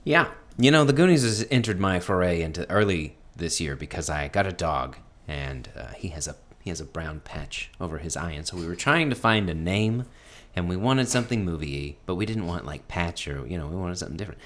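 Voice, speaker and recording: A man's voice: sits low, expressive, brisk, fairly bright tone. A man co-hosting a podcast, telling personal anecdotes in casual conversation. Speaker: podcast co-host.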